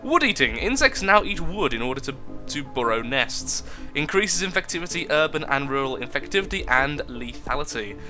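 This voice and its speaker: A man's voice: on the high side, very animated, moderate pace, few pauses, over music. A young man chatting through a game in a casual, jokey way, reading the on-screen text aloud. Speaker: gaming video host. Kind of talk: casual gameplay commentary.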